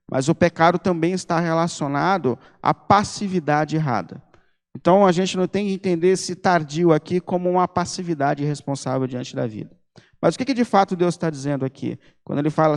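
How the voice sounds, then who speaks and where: A man preaching a sermon as pastor, speaking Brazilian Portuguese, emphatic and conversational, mixing personal stories with forceful appeals. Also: sits high, long reverb tail. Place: church hall.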